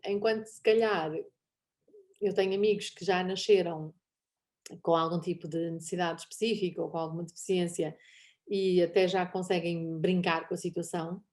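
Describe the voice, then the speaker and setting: A middle-aged woman with a European Portuguese accent, talking casually as a guest speaker, laughing often and acting out bits of dialogue. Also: mid-range voice. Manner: animated, laughs often, acts out quoted dialogue. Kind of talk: online talk session, casual conversation.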